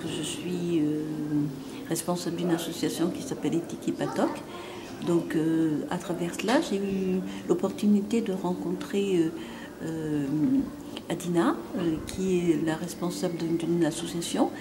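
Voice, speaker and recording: A woman's voice: on the low side, fairly even intonation, measured pace. A woman, a fashion designer, speaking measuredly with frequent fillers in an interview. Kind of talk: interview testimony. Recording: noisy ambience behind.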